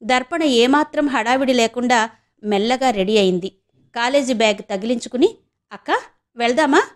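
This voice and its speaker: A woman from India narrating a novel as an audiobook. She reads at a calm, steady pace, her voice sitting fairly high. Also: moderate pace.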